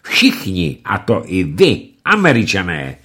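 A man voicing an arrogant, furious older male leader, loud and scornful. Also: low-pitched, wildly swooping pitch, slightly rough, heavily acted. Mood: angry scorn.

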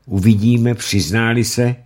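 A man's voice: medium pitch, fairly even intonation, darkish tone, voice pushed up, natural voice. A man voicing a sly, stern judge who demands a confession. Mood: menacing. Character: stern, cunning male judge interrogating.

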